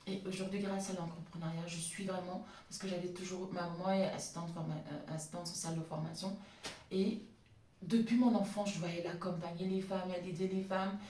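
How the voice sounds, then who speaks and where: A woman's voice: on the low side, fairly even intonation, fairly quick, mellow, slight background noise. Lisping woman in an echoey room. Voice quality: slight lisp on sibilants. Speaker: vlogger, cleaning business entrepreneur. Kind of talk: personal storytelling monologue to camera. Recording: echoey room, distant microphone.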